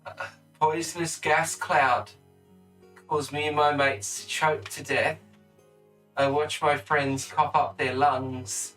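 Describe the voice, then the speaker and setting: A man's voice: fairly high pitch, little pitch movement, slow pace, fairly bright tone, distant mic, faint music behind, low-quality recording. A man voicing the ghostly, unearthly talking skull of a dead bandit in a tabletop game, blunt and grim. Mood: grim, slow. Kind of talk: tabletop role-play.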